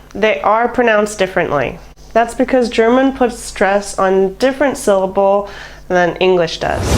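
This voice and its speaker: A woman giving a vocabulary lesson, reading word pairs in a slow, deliberate way. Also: mid-range voice, slight background noise. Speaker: language teacher. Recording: faint background music. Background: faint background music.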